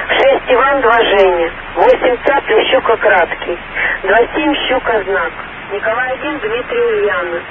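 A man spells out a coded message over a radio, running through it again and again. The line is thin and phone-like, with a clear hiss under it. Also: very high voice. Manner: repetitive call-sign spelling with phonetic names.

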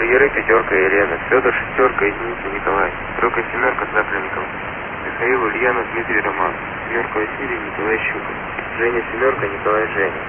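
A man reading out code words over a walkie-talkie radio in a measured, steady, repetitive way. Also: fairly low pitch. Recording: tinny radio line with loud hiss.

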